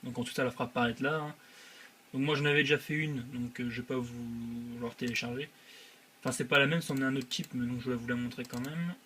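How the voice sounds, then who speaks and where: A young man talks through a screen-recorded tutorial in a mid-range voice, hesitating often and filling gaps with drawn-out filler sounds. He speaks into a desk mic by his computer, and a faint hiss sits under his voice. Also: medium pitch, steady tone, sharp tone. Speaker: channel host.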